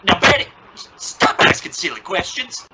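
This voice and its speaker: A man with a high, sing-song voice speaks at normal speed, playing an exasperated, sarcastic middle-aged father in an old-time radio sitcom who is flustered and bluffing confidence. He sounds insistent and irritated. The recording is a dull, noisy lo-fi radio play.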